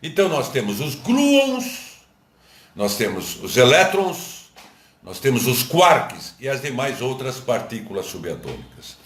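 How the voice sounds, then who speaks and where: Man, Brazilian Portuguese accent, didactic live lecture, lively rising and falling pitch, echoey room. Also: measured pace. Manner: didactic, repeats and asks the audience if they understood. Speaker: esoteric lecturer.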